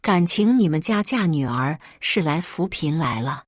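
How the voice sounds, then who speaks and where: A woman's voice: low-pitched, lively intonation, a little slow, no room sound, clean studio sound. A woman voicing a young groom who coldly scorns his bride's family. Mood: sneering. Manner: cold, sneering. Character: jilted young groom, cold and scornful man.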